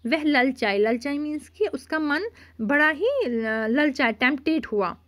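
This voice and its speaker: Woman teacher, slightly high voice, patient, repeats and explains words for young learners. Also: unhurried, fairly bright tone. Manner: explains each word by mixing in English glosses. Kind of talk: classroom vocabulary lesson.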